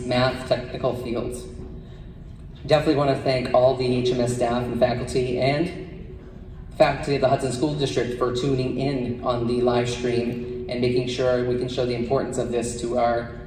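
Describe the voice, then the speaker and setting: A man addresses an assembly of students as a live presenter. His pitch stays fairly even, and his voice comes from some distance in a big echoey hall with faint noise. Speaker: school event presenter.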